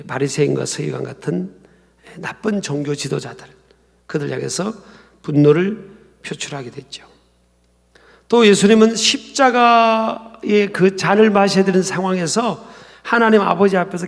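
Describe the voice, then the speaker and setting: A man preaching a sermon as a pastor, lively and acting out quoted prayers and dialogue. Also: sits high, vocal fry, in a large hall. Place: church sanctuary.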